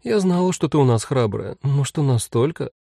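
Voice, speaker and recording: A man's voice: mid-range voice, lively intonation, normal speed, vocal fry, mellow, no echo, studio quality. A man voicing a teenage girl, the older daughter, speaking in a shaky, tearful way.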